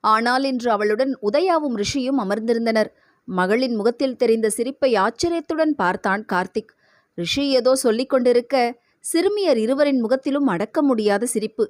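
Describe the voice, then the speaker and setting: A woman's voice: fairly high pitch, no room sound, studio quality. Woman narrating an audio novel. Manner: steady, measured storytelling.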